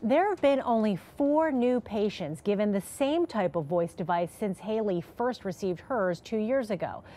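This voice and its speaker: A woman announcer reads scripted radio news in a loud, dense broadcast voice. Her pitch sits in a moderate middle range, and she packs the copy tightly. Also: expressive, moderate pace, hardly any pauses.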